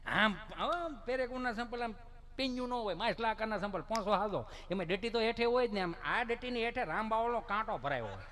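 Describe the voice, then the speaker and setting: A man's voice: high voice, fairly quick. A middle-aged man, telling a folk comedy monologue and mimicking mothers and children. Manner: animated, mimics mothers and children with put-on voices. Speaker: stand-up storyteller.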